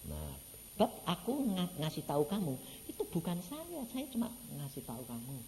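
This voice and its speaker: A man preaching a sermon in an animated, storytelling way, acting out the voices of the people in his stories and swinging from loud to soft. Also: fairly high pitch, moderate pace, a little hiss or hum. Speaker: evangelist preacher. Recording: church hall reverb, faint ambience.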